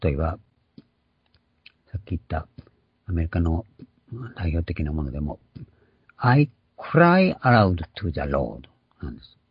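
A man's voice: very deep voice, steady tone, normal speed, pauses often, slightly rough, no echo. An older man preaching an earnest sermon, explaining and stressing key words. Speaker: pastor. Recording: dull lo-fi recording.

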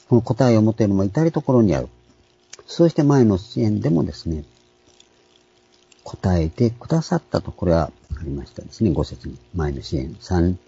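Deep, dark-voiced man preaching. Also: slightly rough, lo-fi sound. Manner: calm explanatory teaching, many fillers. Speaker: pastor. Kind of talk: sermon on scripture names.

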